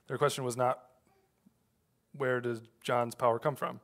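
A man's voice: medium pitch, level tone, a little slow, fairly bright tone. Casual, rambling male preacher. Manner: conversational, loose, with many fillers and restarts. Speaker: pastor. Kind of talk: sermon with a personal story.

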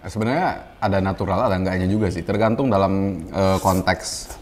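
Laid-back low-voiced young man. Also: brisk, darkish tone. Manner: laid-back, hesitant, many fillers. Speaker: streamer guest. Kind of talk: casual chat.

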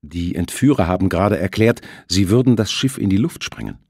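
A man's voice: sits low, animated, brisk, darkish tone, breathy edge, dry recording, studio quality, heavily acted. A man voicing a firm, stubborn male ship captain reporting over the radio in an audiobook.

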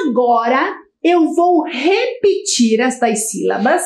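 A woman teacher with a Brazilian Portuguese accent, giving a slow, encouraging lesson to young children. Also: high voice, reverberant. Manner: slow, sing-song, encouraging, talks straight to young children.

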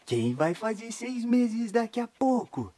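A man's voice: extremely high pitch, very animated, a little slow, mellow. A man with a Brazilian Portuguese accent, a family vlogger, cooing fondly to a baby in casual vlog talk. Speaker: vlogger and godfather.

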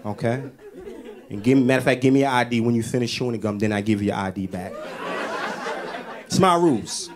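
A man voicing a guarded, stingy man who lays down strict rules for sharing gum, in a bossy, low, firm way. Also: quick pace, long pauses, crowd noise, noisy background, natural voice.

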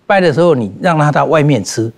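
A man's voice: fairly high pitch, animated, fast, vocal fry. A man on a talk show earnestly explaining folk beliefs about houses. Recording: studio with background music.

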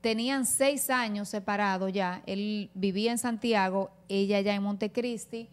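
A woman's voice: medium pitch, steady tone, moderate pace, smooth. A woman from the Dominican Republic hosting a live TV panel, earnestly explaining at length and growing indignant. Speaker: TV talk show host.

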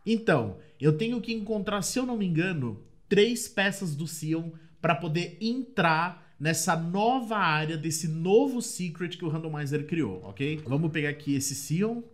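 Brazilian guy narrating a game, kinda high voice, chatty, gets loud and shrieky when surprised. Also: unhurried, hardly any pauses. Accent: Brazilian Portuguese. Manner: excitable, exclaims and shrieks in surprise; chatty, addresses viewers often. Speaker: gameplay commentator. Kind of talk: let's play commentary.

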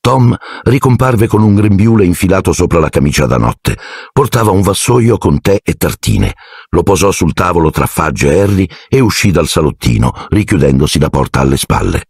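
A man narrating an audiobook in an expressive storytelling manner. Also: sits low, moderate pace, slightly rough, dry recording, studio quality.

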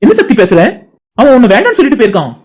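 A performer voicing a blunt, teasing young man in an animated cartoon, scolding a friend. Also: mid-range voice, breathy edge. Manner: blunt, scolding, quick-talking.

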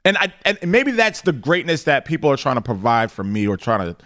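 Animated young man with a New York accent. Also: mid-range voice, fairly quick, no room sound, clean studio sound. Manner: animated, emphatic, interrupts himself. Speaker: podcast co-host. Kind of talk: casual debate.

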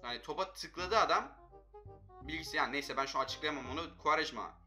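Young man, high-pitched, bright tone, excitable game commentary, frustrated outbursts, faint music behind. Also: fairly quick. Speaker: gaming channel host. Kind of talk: mobile football game commentary.

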